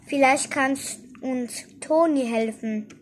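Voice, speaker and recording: A woman reading the part of a caring, bossy girl friend in a storybook, in a brisk, scolding way. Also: high voice, slight background noise.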